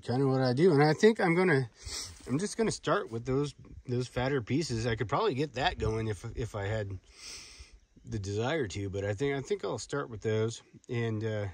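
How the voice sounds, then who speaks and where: A man's voice: mid-range voice, a little mellow. A man giving a casual, unscripted outdoor product demonstration, talking in a hesitant, folksy, rambling way with some swearing. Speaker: product reviewer demonstrating fire starting. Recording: clearly noisy outdoor recording with clicks.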